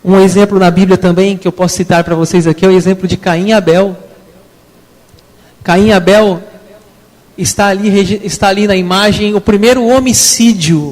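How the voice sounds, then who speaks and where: A man's voice: high voice, a little mellow. A man with a Brazilian Portuguese accent teaching an evening theology class. He talks conversationally and keeps asking his listeners questions. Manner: conversational, asks the class questions, frequent tag questions. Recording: long hall reverb.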